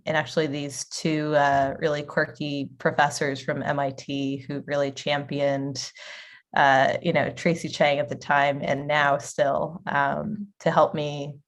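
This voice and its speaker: A Boston-area woman with a low, gravelly voice chats as a guest in a casual interview. She's a restaurant owner, and she rambles, full of fillers and restarts.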